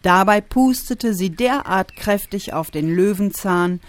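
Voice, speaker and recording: A woman reading a children's story aloud with expressive storytelling. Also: medium pitch, unhurried, dry recording. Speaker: narrator.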